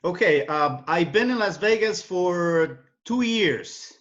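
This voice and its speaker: A middle-aged English teacher from Ecuador, a native Spanish speaker with a Spanish accent, answers questions as a guest in a casual interview, reflective and explanatory. His high, expressive voice is a bit bright and unhurried, heard through dull, lo-fi call audio.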